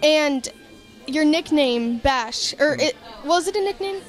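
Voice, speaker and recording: A woman with a high voice interviews a guest. She asks casual, friendly questions in short prompts. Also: lively intonation, takes it slowly, soft background music.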